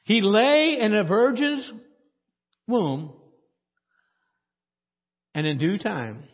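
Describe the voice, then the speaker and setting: Husky-voiced man preaching in a church. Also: sits high, big pitch swings, drawn-out words. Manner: conversational, asks the congregation questions, dry sarcasm. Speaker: pastor. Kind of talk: sermon. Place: church sanctuary. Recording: dull audio with long church reverb.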